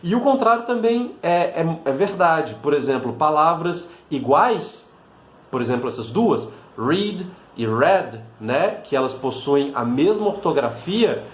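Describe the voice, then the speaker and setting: Speaking a little slowly in an expressive voice on the high side, a Brazilian language teacher explains patiently to camera in a roomy-sounding space. He has a Brazilian Portuguese accent and often uses fillers and checks in with his listeners, saying things like "né?".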